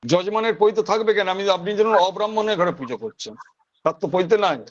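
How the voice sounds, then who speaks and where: A man's voice: sits high, animated, fast, muffled recording. A man with a West Bengal accent teaching priestly rites in an online class. He explains step by step and repeats single sounds to show how they are pronounced.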